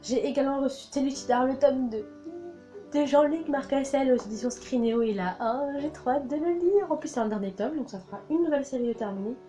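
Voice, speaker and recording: A woman's voice: high-pitched, brisk. A young woman presenting her new books in a casual vlog, enthusiastic and full of fillers and repeated words. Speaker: book vlogger. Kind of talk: casual book haul chat. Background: soft background music.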